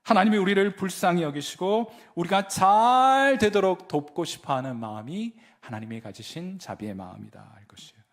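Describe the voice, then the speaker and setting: A man preaching a sermon as pastor in a church, moving from hushed asides to loud fervent pleading. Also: sits high, expressive, moderate pace. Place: church sanctuary.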